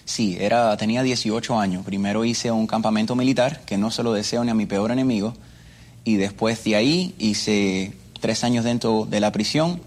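This interview guest from Cuba has a voice on the low side and a moderate pace, plus a Cuban Spanish accent. Telling his own story earnestly, he tends to say his phrases more than once.

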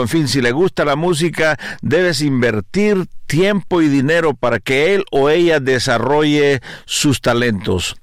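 A man's voice: medium pitch, no room sound, clean studio sound. Earnest male pastor hosting a show. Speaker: host, pastor and family counselor. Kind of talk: radio interview and family advice talk.

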